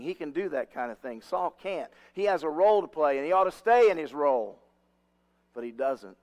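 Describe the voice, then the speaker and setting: A man preaching a sermon in a relaxed, rambling way, with many restarts and side stories. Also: on the high side.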